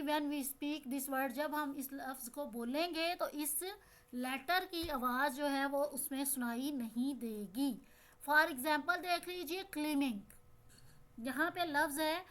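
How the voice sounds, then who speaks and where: A woman's voice: high voice, fairly bright tone. A woman with a Pakistani Urdu accent, explaining an English lesson to young pupils. She asks the class questions and repeats each word. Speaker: teacher.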